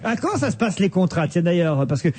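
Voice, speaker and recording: Lively French radio talk host. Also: male voice, sits high. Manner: lively, leads the talk with quick questions. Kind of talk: radio talk show chat. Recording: radio broadcast studio.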